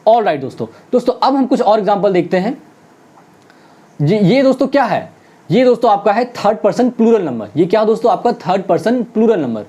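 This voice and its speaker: Mellow-voiced teacher drilling examples. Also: mid-range voice, very animated, husky. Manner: addresses viewers as friends, asks and answers its own questions; repeats English example sentences slowly, word by word. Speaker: spoken English teacher. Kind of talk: online classroom lesson.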